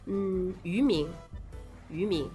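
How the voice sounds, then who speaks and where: A woman's voice: lowish voice, slow, mellow, soft background music. A woman speaking as an interview guest, explaining things casually step by step. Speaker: guest, association president.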